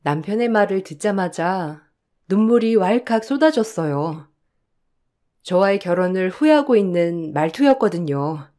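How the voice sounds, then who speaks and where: A woman narrating a listener's story in a soft, confiding way, as the channel's reader. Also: mid-range voice.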